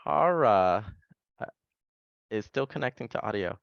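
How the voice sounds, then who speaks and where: A man with a low, gravelly voice moderating a panel over a video call. He talks in a friendly, hesitant way with plenty of fillers. The audio is dry and a little muffled. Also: lively intonation, a little slow, no room sound.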